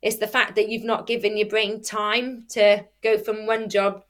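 An athlete who also coaches youth sports, this woman can't pronounce her R's well and says w in their place. Her voice is medium-pitched and fairly bright, with a level tone and a measured pace. She chats casually in an interview, explaining things through examples and correcting herself as she goes.

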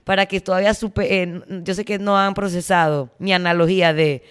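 A woman's voice: on the low side, fairly even intonation, moderate pace, clean tone. A woman with a Panamanian accent hosting a podcast, talking bluntly in slang with crude jokes. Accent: Panamanian Spanish. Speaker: podcast host. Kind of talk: casual podcast monologue.

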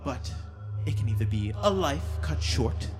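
Fantasy game fey queen played by a man: regal fae noble, quiet, haughty and displeased, measured phrasing, faint music underneath. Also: mid-range voice, animated, close to an everyday voice. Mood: stern, demanding. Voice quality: hushed, harsh-edged. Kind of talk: fantasy tabletop role-play.

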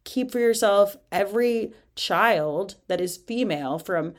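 A woman co-hosting a casual podcast, reading scripture aloud with sarcastic, swearing, deadpan asides. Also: mid-range voice, measured pace. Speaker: podcast co-host.

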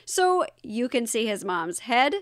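Giggly high-voiced woman podcast host. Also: slow pace, no room sound, clean studio sound. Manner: giggly, animated storyteller. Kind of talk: casual chat.

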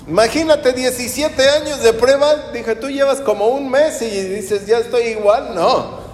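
A man preaching a sermon as pastor, telling stories with animated delivery and acting out the people he quotes. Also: very high voice, a little slow, a little hiss or hum. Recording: roomy hall with long reverb.

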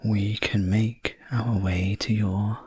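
A man in an ASMR role-play as a sleep story narrator, voicing a calm, reassuring spacecraft sleep technician in a breathy, gentle soft voice. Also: fairly low pitch, takes it slowly, full character voice. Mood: soothing, attentive.

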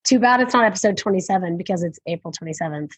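A woman in her thirties co-hosting a casual podcast, her voice hoarse from yelling, joking and laid-back. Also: fairly low pitch, very fast, dry recording. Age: 30s. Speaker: podcast co-host. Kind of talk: casual chat.

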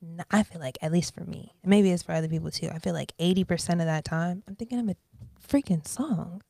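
A woman in her twenties talks as a guest on a podcast, chatty and animated, now and then sinking into a whisper. Her voice sits low with a gravelly fry. It is recorded close and dry. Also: fast talker, dry recording. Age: 20s. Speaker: guest artist. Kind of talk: casual podcast conversation.

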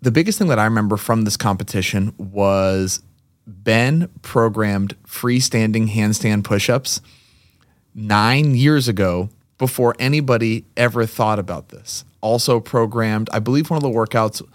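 A CrossFit gym owner from Massachusetts chats casually as a podcast guest, telling stories with joking asides. His voice is on the low side and his pace measured, captured in studio quality with no echo.

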